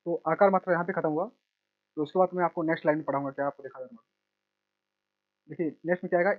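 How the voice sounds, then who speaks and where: A man teaching children to read, sounding out each word slowly and repeating it, then adding quick explanations in between. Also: fairly high pitch, fairly even intonation. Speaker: language teacher. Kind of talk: slow word-by-word reading lesson. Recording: tinny phone-like audio.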